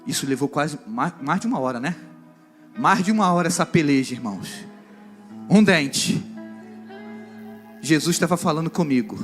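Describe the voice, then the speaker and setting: A man with a Brazilian Portuguese accent preaching a sermon, acting out the lines of a personal story and speaking directly to the congregation. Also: on the high side. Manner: acts out dialogue from a story, addressing the congregation directly. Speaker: pastor.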